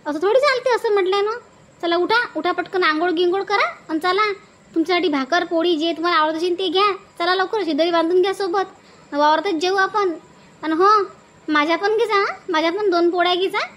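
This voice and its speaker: A woman's voice: extremely high pitch, fairly quick, a bit bright. A woman playing a bossy village woman who keeps nagging her sister-in-law in a comedy skit. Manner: insistent, scolding, repeats urgings. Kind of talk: comedy sketch acting.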